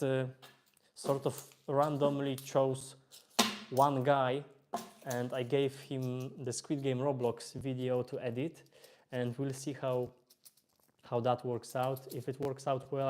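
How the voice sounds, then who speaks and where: A man's voice: mid-range voice, measured pace. A young man from Poland with a Polish accent, casually chatting on a live stream while playing and reading viewer comments aloud. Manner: relaxed, chatty, reads chat aloud, hesitant fillers.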